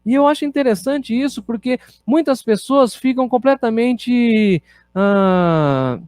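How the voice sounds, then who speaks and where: A man's voice: very high voice, expressive, takes it slowly, darkish tone, no room sound, studio quality. A male pastor with a Brazilian Portuguese accent preaching a sermon, telling a story and asking repeated rhetorical questions.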